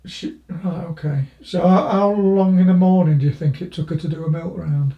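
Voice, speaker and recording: A woman's voice: on the low side, fairly even intonation, normal speed, highs cut off. A woman casually interviewing someone, asking curious, tentative questions that she often restarts. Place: inside the interviewee's house. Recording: roomy, echoing indoor sound.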